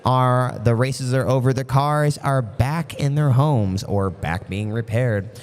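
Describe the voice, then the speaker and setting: A man giving lively live commentary at a model car race for a stream, chatty and reading out viewer comments. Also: medium pitch, slow. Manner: chatty, energetic, reads out viewer chat.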